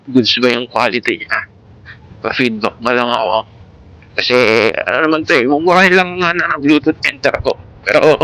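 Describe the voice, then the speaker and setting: The audio is poor as a Filipino-accented motovlogger talks casually into a Bluetooth intercom headset, with vehicle noise in the background. His rambling vlog chatter, sprinkled with English words, comes in a medium-pitched, sharp voice.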